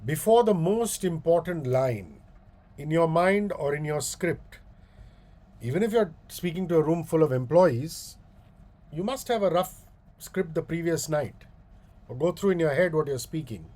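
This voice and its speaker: This guest speaker at a public speaking workshop is an animated man with a booming voice, a deep, mellow tone, and an Indian English accent. He goes slowly and deliberately, pausing for long stretches and repeating demonstrations.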